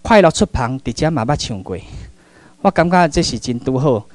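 A middle-aged man from Taiwan giving a public lecture, telling stories in an animated way that swings between loud and hushed. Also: mid-range voice, moderate pace, dry recording.

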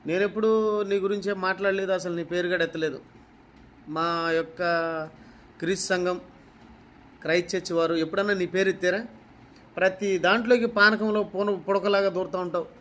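A man from Kadapa with a Kadapa Telugu accent, a preacher scolding a rival with rapid rhetorical questions and repetition. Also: sits high, fairly even intonation, a bit bright, a little hiss or hum. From Kadapa, Andhra Pradesh. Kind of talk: confrontational rebuttal speech.

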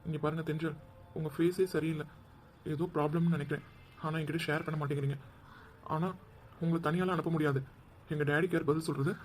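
A man's voice: a little high, little pitch movement, fast talker, pauses often, slight background noise, natural voice. A man voicing a caring young man in a cartoon who firmly questions and insists. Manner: firm, questioning.

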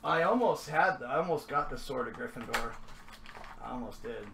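A man's voice: mid-range voice, lively intonation, moderate pace, creaky, noisy background. A man hosting a trading card break, chatting casually as he opens packs, upbeat and then mumbling to himself. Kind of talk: casual card-opening commentary.

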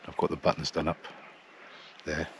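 Middle-aged English man, low and level delivery, casual outdoor vlog, arm's-length camera. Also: completely flat delivery, moderate pace, slight background noise. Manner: plain, chatty, matter-of-fact. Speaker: wildlife photographer. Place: outdoors in a field by trees.

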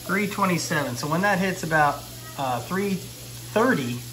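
Soft music plays behind a fishing vlogger in his forties as he cooks fish in his home kitchen, filmed on a handheld phone. He has a high voice and speaks a little slowly, chatting easily through the cooking.

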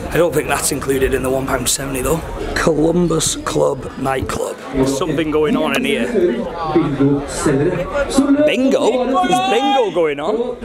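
A young Welsh man talks upbeat and chatty into a camera held at arm's length as he explores a cruise ship. His voice sits a little high. A thick crowd murmur fills the space behind him. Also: unhurried. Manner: chatty, upbeat, thinking aloud while walking. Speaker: travel vlogger. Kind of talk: casual vlog commentary. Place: cruise ship decks, cabins and bar. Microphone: handheld camera at arm's length.

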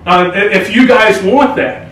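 A man's voice: sits high, measured pace, a bit bright. A man, a basketball coach, giving a rousing, urgent pep speech to his team in a locker room. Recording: echoey locker room, distant mic, noisy.

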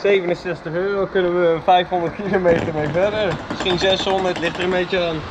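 A man's voice: high voice, fairly even intonation, brisk, muffled recording, noisy background. A young man talking casually to viewers on a travel vlog, chatty and upbeat, adding playful mouth sound effects, recorded on a handheld camera in a car and outdoors. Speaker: vlogger. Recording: background music under the voice.

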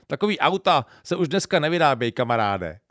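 A man's voice: on the high side, big pitch swings, fairly bright tone, no echo, studio quality, pitched above the performer's own voice. A man with a Silesian accent voicing a cocky, brusque old taxi driver in an audiobook. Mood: gruff. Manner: brusque, slangy.

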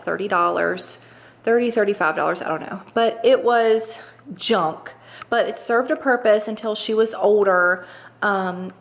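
A chatty lifestyle vlogger with a slightly high voice gives a casual tour of her large kitchen and dining room indoors. She sounds upbeat and uses lots of fillers, recorded on a handheld camera mic.

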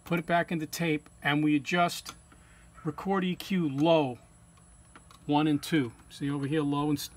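Step by step and in plain words, a technician demonstrates equipment calibration in an informal tutorial. His voice is on the high side with fairly even intonation and a moderate pace, and a background hum or ambient noise is clearly present.

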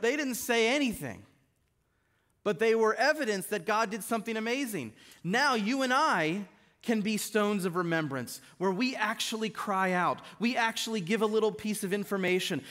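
Middle-aged guy preaching in church, kinda high voice, tells stories. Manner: retells stories, drops low and soft for quoted lines. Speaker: guest preacher. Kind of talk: sermon with storytelling. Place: church sanctuary.

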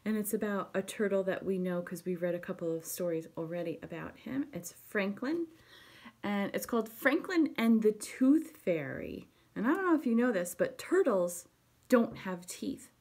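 A woman, a pre-K teacher, reading a picture book aloud to children, explaining the pictures gently. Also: medium pitch, animated, normal speed.

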